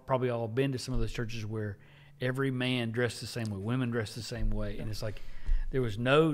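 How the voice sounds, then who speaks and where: A man in his forties, a pastor hosting a church talk show, speaking earnestly at a desk mic in a small indoor studio. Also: medium pitch. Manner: earnest, animated gestures, frequent affirming yeahs. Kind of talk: conversational church podcast. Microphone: desk mic on a stand.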